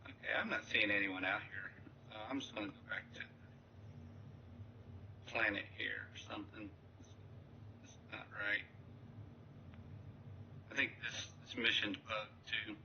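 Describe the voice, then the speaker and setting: Low-voiced man on a cutting-out headset mic. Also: steady tone, measured pace, long pauses. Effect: faulty headset mic over voice chat, fading in and out. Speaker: gamer. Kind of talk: casual chat while playing online. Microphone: headset on a flex boom. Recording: dull lo-fi voice chat with faint hiss.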